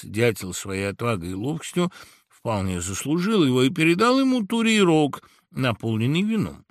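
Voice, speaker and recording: A man narrating a fairy-tale audiobook in a recording studio as an expressive storyteller. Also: mid-range voice, no echo.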